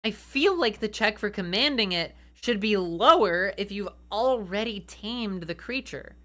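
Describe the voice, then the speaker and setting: A woman giving animated comedic commentary as she reads out game rules, sardonic and incredulous, with emphatic, dramatic asides. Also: mid-range voice, a little slow. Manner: sardonic, incredulous, swears freely. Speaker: voice actor reviewing tabletop game homebrew.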